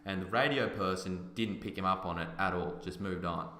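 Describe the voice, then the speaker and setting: A man's voice: sits low, brisk, sharp tone, a little hiss or hum. A man hosting a podcast, talking in an emphatic, argumentative way. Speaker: podcast host. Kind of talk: casual opinion chat. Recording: roomy echoey room.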